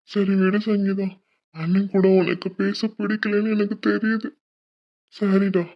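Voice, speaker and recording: Woman voicing a gentle doting older brother. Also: on the high side, natural voice. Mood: tender. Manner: tender, pleading, emotional. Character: loving young adult man, gentle elder brother. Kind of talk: dubbed animation voice acting. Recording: dull lo-fi recording.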